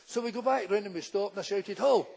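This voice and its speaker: High-voiced Glaswegian man telling stand-up stories. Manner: brisk anecdotal delivery, acting out characters. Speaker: stand-up comedian. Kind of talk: live stand-up storytelling.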